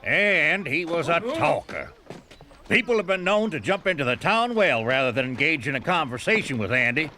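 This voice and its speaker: An actor playing a wry, folksy small-town storyteller, narrating a comic period film. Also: male voice, a little high, big pitch swings, normal speed, bright, forceful tone.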